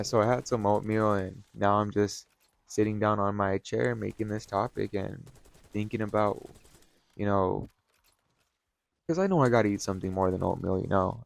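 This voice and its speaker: His fairly low voice carries vocal fry, with no room sound, as this worn-out vlogger talks from a chair at home. An adult with a wife and kids, he rambles through a laid-back monologue, swearing here and there.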